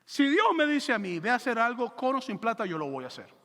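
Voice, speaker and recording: A man pastor preaching a lively, joking sermon into a handheld microphone in a church auditorium. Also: extremely high pitch, fast talker, in a large hall.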